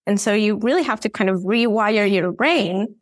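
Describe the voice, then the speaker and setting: A woman speaks as a guest in a casual podcast interview, enthusiastic and quick to laugh. Her voice sits at a middle pitch. The sound is dry and close, as on a video call. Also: no room sound. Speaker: guest, brand designer. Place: room at home with red cabinet.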